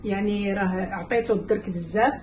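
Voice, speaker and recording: This fast-talking, middle-aged host of a casual cooking vlog has a Moroccan Arabic accent and a medium-pitched, slightly mellow voice with a steady tone. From her home kitchen, she tells viewers what she's doing at each step. A little hiss or hum is audible, and with the camera near the worktop she is mostly off frame.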